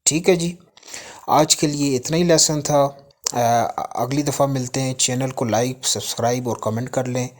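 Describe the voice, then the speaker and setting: A man's voice: mid-range voice, fairly even intonation, unhurried. Pakistani man teaching English words. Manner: reads word lists with fillers and restarts. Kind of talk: casual vocabulary lesson.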